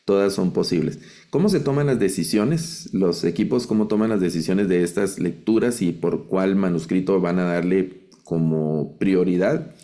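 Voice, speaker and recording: A man's voice: deep voice, moderate pace, warm tone. A man lecturing in an online Bible translation class, explaining patiently and often ending points with a rhetorical question tag.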